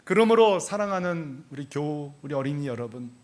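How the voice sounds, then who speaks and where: Male pastor, sermon; high voice, wide-swinging delivery, confessional and fervent. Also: animated, normal speed. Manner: storytelling, confessional, rising to fervent emphasis.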